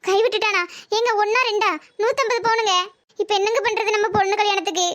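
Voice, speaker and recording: Speaking fast with a steady tone and a fairly bright sound, a woman performs an anguished, scolding middle-aged wife and mother for a comedy cartoon. The character has a Tirunelveli Tamil accent and a shrill, wailing way of talking.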